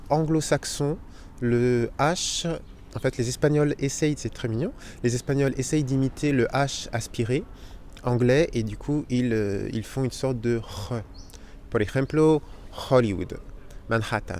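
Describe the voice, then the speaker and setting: A man's voice: medium pitch, warm tone, slight background noise. Man teaching Spanish letters. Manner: explains slowly, spelling out sounds and repeating them. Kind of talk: language lesson.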